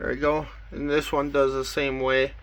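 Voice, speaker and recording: A man casually shows off and demonstrates items from his collection in a plain, matter-of-fact manner. His medium-pitched voice stays fairly flat at a normal speed, and the recording is very noisy.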